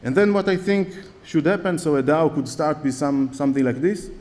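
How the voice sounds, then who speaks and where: A slightly high, darkish male voice with an Israeli accent comes from a lectern in a big conference hall. He speaks fairly quickly but hesitantly, with lots of fillers and restarts, during a conference talk with audience questions, all under long hall reverb.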